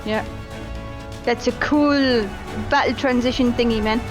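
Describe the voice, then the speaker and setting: A woman's voice: a little high, fairly even intonation, a little slow, over music. A woman co-commentating casually on a game and reading some of its dialogue aloud. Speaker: co-player and co-commentator. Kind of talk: casual chat over gameplay.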